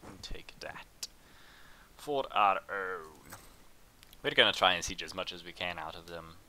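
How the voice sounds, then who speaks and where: A man hosting a let's play, chatting casually and thinking aloud as he plays, with bursts of excitement in tense moments. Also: sits low, unhurried, a little hiss or hum. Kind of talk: casual game commentary.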